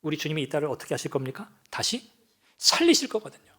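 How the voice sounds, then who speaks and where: A man's voice: on the high side, big pitch swings, fast talker, sharp tone. A man, a pastor, preaching a Sunday sermon with rhetorical questions and acted-out quotes. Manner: dramatic, rhetorical questions, acts out voices.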